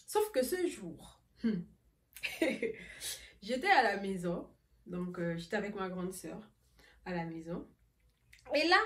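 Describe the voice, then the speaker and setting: Une jeune femme qui raconte une anecdote sur un ton familier et animé, en riant souvent. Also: female voice, mid-range voice. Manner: animated, laughing often while telling. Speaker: vlogger. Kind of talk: casual storytime. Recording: roomy echo, voice a bit far from mic.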